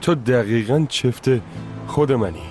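Dub: actor as protective young lover, mid-pitched, lively intonation, earnest, music bed. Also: male voice, natural voice. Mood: teasing. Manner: earnest, reassuring. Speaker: dubbing actor. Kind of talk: dubbed TV drama. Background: background score.

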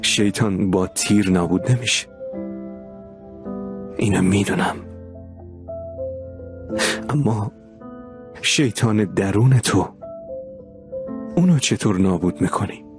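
Man voicing a calm older brother, lowish soft voice, begging him to cool down, music behind. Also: pauses often, lightly acted. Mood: tender. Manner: soft, soothing, pleading. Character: gentle brother trying to calm his sibling. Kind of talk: dubbed TV drama.

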